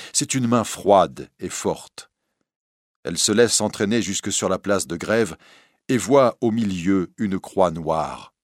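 A man's voice: fairly low pitch, dry recording, clean studio sound. A man narrating a classic story aloud in a dramatic reading style.

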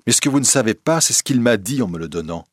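A man's voice: mid-range voice, expressive, fast talker, no room sound, clean studio sound, lightly acted. A man voicing a frightened, earnest young woman singer in a read-aloud storybook, with a raised, breathless pleading tone. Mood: alarmed. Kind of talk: audiobook reading.

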